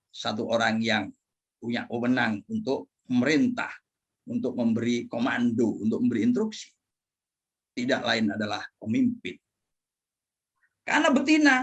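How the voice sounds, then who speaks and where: A middle-aged male professor lectures in a slightly husky voice that sits a bit high for a man. His pitch swings widely, and he asks and answers his own questions playfully. He keeps dropping in Arabic terms and phrases. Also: fairly bright tone. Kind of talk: lively classroom lecture.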